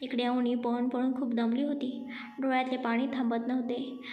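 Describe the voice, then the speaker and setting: A woman narrating a dramatic audio story in a steady storytelling manner. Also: high-pitched, normal speed, narrow, tinny audio. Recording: echoey room with faint music.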